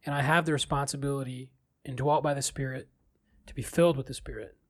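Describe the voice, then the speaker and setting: A man's voice: mid-range voice, fairly even intonation, quick pace. A man hosting a podcast, speaking earnestly and personally about his own struggles. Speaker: podcast host. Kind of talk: reflective podcast talk.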